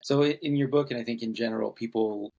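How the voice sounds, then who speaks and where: A man's voice: mid-range voice, fast talker, vocal fry, a little mellow. A man from the Bay Area hosting a podcast, asking questions and chatting in an easygoing, conversational way. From San Francisco Bay Area. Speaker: podcast host. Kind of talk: casual podcast interview.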